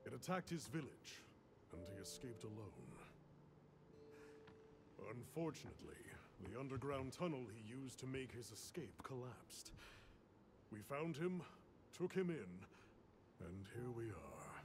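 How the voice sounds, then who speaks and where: A man playing a stern middle-aged guild commander, briefing in a formal, measured and deliberate way in a video game cutscene. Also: medium pitch, lively intonation, close to an everyday voice. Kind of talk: scripted cutscene exposition. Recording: noisy game audio under livestream.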